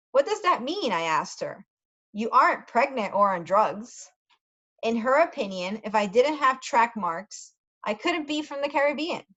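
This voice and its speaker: A woman tutor slowly reads a story aloud for English learners, carefully repeating key words and adding brief Spanish translations. Her voice is mid-range and fairly bright, and the sound is lo-fi.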